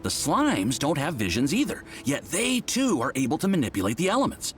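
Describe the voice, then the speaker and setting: A man voicing an earnest, bookish young research assistant in an anime game, animated and scholarly. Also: fairly high pitch, a little fast, soft background music. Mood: eager, earnest.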